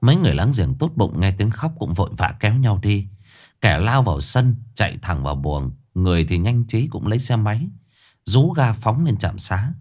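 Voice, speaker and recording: Lively, low-voiced male storyteller. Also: normal speed. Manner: dramatic, expressive reading. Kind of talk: ghost story narration.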